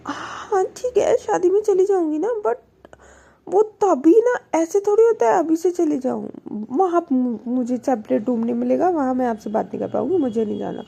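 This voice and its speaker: Sulky young woman in a told love story, high and mellow, voiced by a woman. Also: lively intonation, moderate pace, vocal fry. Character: moody, stubborn young woman.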